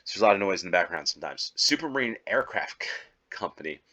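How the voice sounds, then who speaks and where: Man from the United States, low voice, bright forceful tone, casual gameplay commentary, rambling, many fillers. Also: very animated, quick pace, lo-fi sound. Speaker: channel host. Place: at home.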